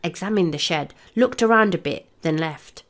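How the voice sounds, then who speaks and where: A woman's voice: on the low side, lively intonation, moderate pace, close to an everyday voice. A woman voicing a cocky schoolboy who teases his friends, in a playful manner. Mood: secretive. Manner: playful and teasing.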